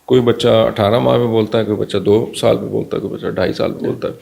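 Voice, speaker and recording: Doctor guy, gravelly voice, animated, throws in english bits. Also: lowish voice. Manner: animated, slips into Punjabi and English phrases. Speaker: pediatrician guest. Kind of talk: conversational explanation.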